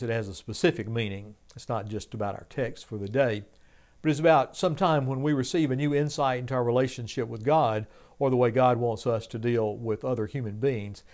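An older man preaching a sermon from a home study, speaking in a measured, earnest way with rising emphasis on key points. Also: mid-range voice, darkish tone. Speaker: pastor. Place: home study with bookshelves, indoors.

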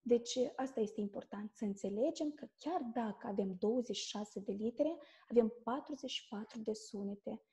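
Guest teacher, woman, Moldovan Romanian accent, fairly high mellow voice, explanatory, frequent "da?" check-ins. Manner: keeps checking in with a quick "da?". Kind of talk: explanatory interview talk.

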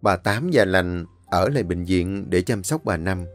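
A man narrating a story, reading in a steady, measured way. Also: deep voice, dry recording, soft background music.

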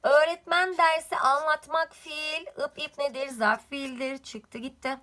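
A woman's voice: sits high, steady tone, measured pace, sharp tone. A woman teaching a grammar lesson, quizzing the class with repeated questions.

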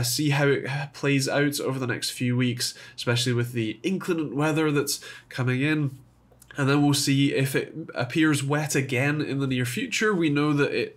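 A man's voice: medium pitch, a bit bright. A man who has a cold, with a nasal voice, hosting a casual car how-to and explaining with frequent hesitations and fillers. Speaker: car channel host.

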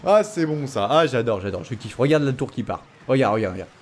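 Here a young gaming YouTuber jokes around and teases his opponent and audience while commenting on his gameplay. His mid-range voice is expressive and fairly quick, and a bit of background noise is faintly present.

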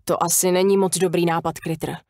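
A protective small-town lawman, voiced by a woman reading an audiobook, slow, calm and firm. He urges the heroine to stay put. The sound is close and dry. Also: on the low side, no echo, lightly acted. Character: protective male small-town sheriff's deputy.

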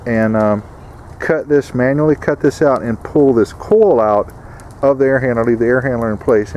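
A man's voice: mid-range voice, darkish tone, a little hiss or hum. A man giving a plain-spoken, folksy how-to demonstration outdoors, repeating his warnings. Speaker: DIY home repair instructor. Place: outdoors beside an air conditioner unit.

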